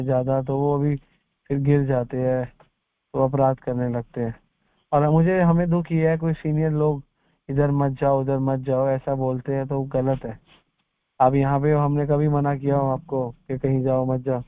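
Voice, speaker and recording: A man's voice: mid-range voice, smooth, no room sound. A man giving spiritual advice in answer to a devotee's question, repeating his points for emphasis. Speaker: spiritual counselor. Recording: tinny dry phone line.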